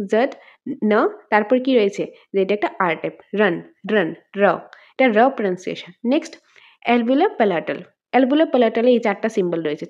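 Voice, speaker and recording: Fast-talking woman teacher, dull lo-fi sound. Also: on the high side, mellow. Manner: repeats terms, drills example words aloud. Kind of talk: exam-prep lesson.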